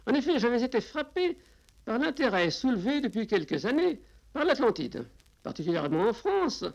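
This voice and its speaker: An older man giving formal, deliberately phrased prepared answers in a radio interview, on worn 1950s tape. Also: very high voice, creaky, muffled recording. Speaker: interviewed author, society founder.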